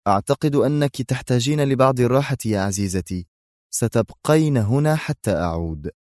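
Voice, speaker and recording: A man voicing a calm male hero officer who speaks quietly and coldly. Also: medium pitch, a little fast, no room sound, studio quality, pitched above the performer's own voice, close to an everyday voice. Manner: quiet, cold and menacing.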